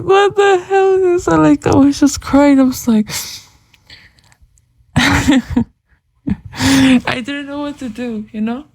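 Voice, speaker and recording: A woman casually retelling a dream in a rambling, giggly way, full of fillers. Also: high voice. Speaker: storyteller.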